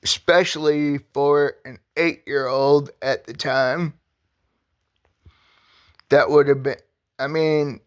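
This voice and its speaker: A man talking casually on his own vlog, halting and rambling with many restarts, earnest and heartfelt. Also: on the high side. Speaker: vlogger. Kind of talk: casual personal vlog talk.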